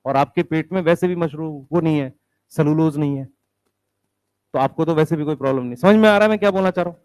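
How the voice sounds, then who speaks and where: A man's voice: fairly high pitch, brisk, a little mellow, dry recording. Man teaching a biology class, dry sound. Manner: asks the class questions and answers them himself; keeps calling for the students' attention. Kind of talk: classroom lecture.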